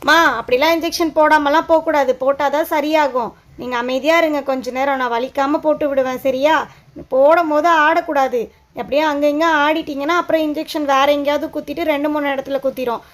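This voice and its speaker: Woman voicing a high, coaxing doll nurse. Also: fairly even intonation, fast talker, close to an everyday voice. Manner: soothing, coaxing, explaining step by step.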